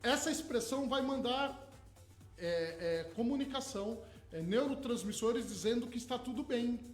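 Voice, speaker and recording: Brief: man, hypnotherapist guest on radio, high voice, eager, piles up everyday examples. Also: moderate pace, soft background music. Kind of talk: radio interview. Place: radio studio.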